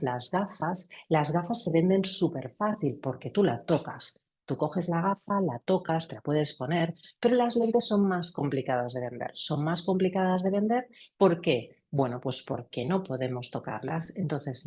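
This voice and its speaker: Lively Spanish woman giving a webinar lecture. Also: sits low, breathy edge. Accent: Spanish from Spain. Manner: lively teacher with asides and sound effects. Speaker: optics sales trainer.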